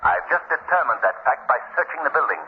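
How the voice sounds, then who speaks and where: The Shadow, swooping, ominous radio crime-fighter. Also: male voice, medium pitch, big pitch swings, breathy edge, full character voice. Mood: stern, probing. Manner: deliberate, theatrical, interrogating. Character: commanding, ominous male crime-fighter, grave and insistent. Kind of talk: 1940s radio acting. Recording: tinny, hissy old radio recording.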